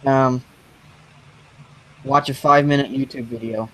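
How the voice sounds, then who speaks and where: A teenage man chatting casually over a voice call, his voice robotic and distorted, with deadpan quips. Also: mid-range voice, measured pace, slight background noise. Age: late teens. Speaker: guest writer. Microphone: headset over voice call.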